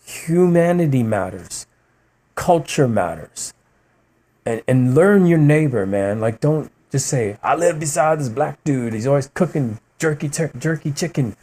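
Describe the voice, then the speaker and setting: A podcast guest who is a musician and writer talks passionately in a rambling, casual interview, frequently saying "man" and "you know." His voice is on the high side and a little slow, and he tells stories animatedly, acting out the quotes.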